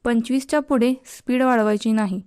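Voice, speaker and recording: A bossy young college girl insists and scolds in a spoken storybook, as a woman reader voices her. The voice is smooth, mellow and fairly high. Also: fairly even intonation, fairly quick, no room sound, studio quality, close to an everyday voice. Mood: insistent.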